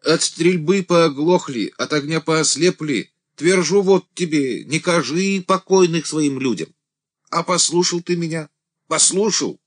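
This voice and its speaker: A man voicing a small, frail, timid old male church deacon who pleads in a high, fretful voice that rises to near cries. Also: unhurried. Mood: agitated.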